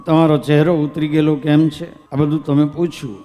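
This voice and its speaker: Brief: Gujarati male storyteller, fairly high voice, sings the verses then explains them, long hall echo. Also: flat delivery, normal speed, dark tone. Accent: Gujarati, from Saurashtra. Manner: recites verses in a singing lilt, then explains them plainly. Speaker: religious storyteller. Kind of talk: devotional story sermon with chanted scripture. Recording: long hall reverb with faint music.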